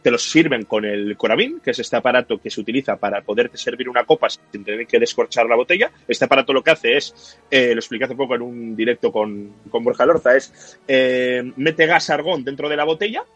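A man's voice: medium pitch, fairly quick, a bit bright, breathy edge, soft background music. A man from Spain, a guest on a podcast, chatting casually and telling long anecdotes with plenty of explanation. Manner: chatty storyteller, explains at length. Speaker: podcast guest, wine enthusiast.

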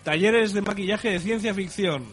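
A man's voice: high voice, normal speed. A man co-hosting a casual podcast chat, reading out event listings with jokes. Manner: reads event listings, jokey. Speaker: podcast co-host.

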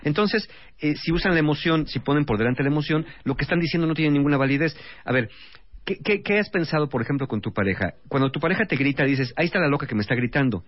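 A man's voice: on the high side, expressive, fast, no room sound. Mexican man explaining on radio. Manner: explanatory, lists examples. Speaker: guest couples expert. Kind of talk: radio talk show explaining. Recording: dry, dull radio studio sound.

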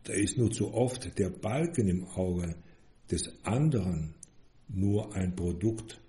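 A man giving an earnest, measured sermon as a priest. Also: low voice, lively intonation, warm tone. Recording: echoey room.

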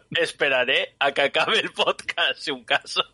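A man's voice: on the high side, bright, forceful tone, slightly rough. A man from co-hosting a podcast, bantering playfully and teasing his co-host. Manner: teasing, jokey, laughs often. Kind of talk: casual banter.

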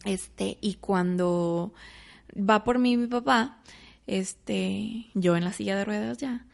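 Lively young woman, gravelly voice. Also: medium pitch, takes it slowly. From Mexico. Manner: lively storyteller, acts out quoted family voices. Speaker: guest. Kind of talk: casual interview storytelling.

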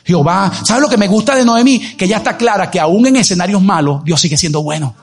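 A man's voice: high-pitched, fast talker, breathy edge. A male pastor preaching a sermon, emphatic, full of rhetorical questions and exclamations. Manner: married.

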